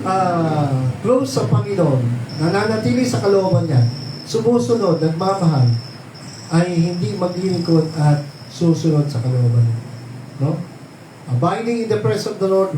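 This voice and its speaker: A man's voice: high voice, reverberant, far from the mic, noisy background. A man preaching a Bible sermon at a prayer meeting, explaining patiently and often checking in with the congregation by asking them questions. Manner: explains slowly, asks "di ba?" often, mixes in English phrases. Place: church hall.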